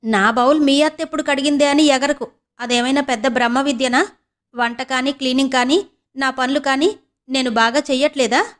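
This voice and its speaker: A woman's voice: sits high, a little fast, fairly bright tone. A woman doing a cheeky young niece. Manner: chatty, teasing, grumbling asides.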